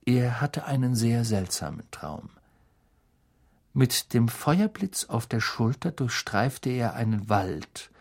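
A man reading a children's novel aloud as an audiobook narrator, measured and expressive. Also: mid-range voice. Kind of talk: scripted narration.

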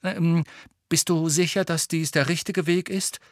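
A man's voice: on the high side, normal speed, fairly bright tone, no echo, clean studio sound, voice pushed up, natural voice. A man voicing a wary, tense teenage boy in an audiobook, pointed and uneasy. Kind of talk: audiobook character voice.

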